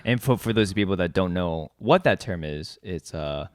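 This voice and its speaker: A man hosts a podcast in casual chat, his voice low and recorded dry and close. He talks in a halting way, restarting and repeating words as he steers the talk with leading questions. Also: lively intonation, no room sound. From US East Coast. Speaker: podcast host.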